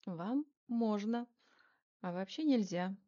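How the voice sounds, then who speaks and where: A woman's voice: mid-range voice, expressive, slow pace, dark tone, highs cut off. A woman reading an audiobook, voicing a nervous, evasive female clinic secretary with strained politeness. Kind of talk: audiobook character voice.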